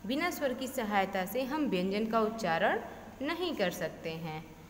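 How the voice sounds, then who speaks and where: A woman, teaching a slow classroom lesson, reciting letters and asking and answering her own questions. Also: mid-range voice, sing-song, a little hiss or hum. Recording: echoey room with faint ambience.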